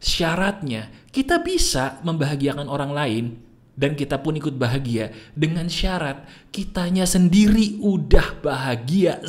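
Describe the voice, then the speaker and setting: A man giving a motivational talk, teasing and questioning the listener constantly. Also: high voice. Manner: animated, keeps firing questions at the listener. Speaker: motivational speaker.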